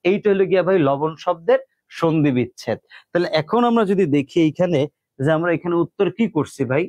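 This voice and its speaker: A man's voice: fairly high pitch, no room sound. A young man with a colloquial Bangladeshi Bengali accent teaching a live online exam-prep class, explaining step by step, calling listeners "bhai" and reading out student names.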